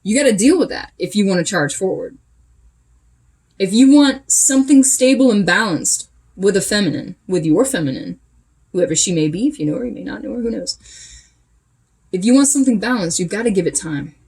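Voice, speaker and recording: A woman's voice: mid-range voice, expressive, fairly quick, a little mellow, slightly rough. A woman giving a casual channeled tarot reading, chatty and emphatic, coaching her listeners directly. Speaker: tarot reader.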